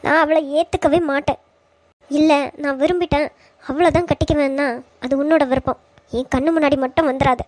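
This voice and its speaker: A woman's voice: high voice, steady tone, fairly quick, no room sound, close to an everyday voice. A woman voicing a hurt mother in a Tamil cartoon, talking in an emotional, pleading way. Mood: upset.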